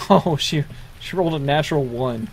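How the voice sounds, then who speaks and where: A man running a tabletop role-playing game as game master, narrating the action in a halting way with many fillers and restarts. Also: a little high.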